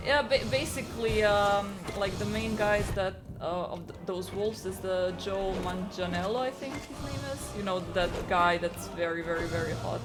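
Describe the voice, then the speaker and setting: A man's voice: high-pitched, moderate pace, few pauses. A man co-hosting a live gaming stream, chatting casually in a rambling, hesitant, wry way. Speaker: co-host. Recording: game music loud behind. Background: loud video game music.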